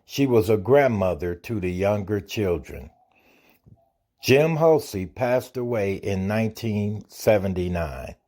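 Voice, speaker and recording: A man giving calm, measured scripted narration for a family history. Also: fairly low pitch.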